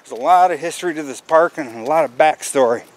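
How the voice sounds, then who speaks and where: A middle-aged American man chatting casually to viewers in an unhurried way while walking outdoors, recorded on a built-in microphone with wind noise. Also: fairly high pitch, low-quality recording. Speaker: hiking vlogger. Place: outdoors in a windy wooded park. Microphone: camera's built-in microphone while walking. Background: wind, faint outdoor noise.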